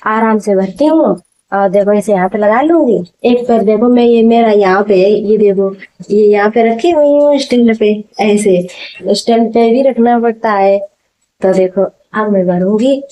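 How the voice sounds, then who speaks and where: Middle-aged woman, home vlogger, casual how-to chat, talks directly to viewers at mid pitch. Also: mellow. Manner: chatty, talks straight to viewers; speaks up over a running machine.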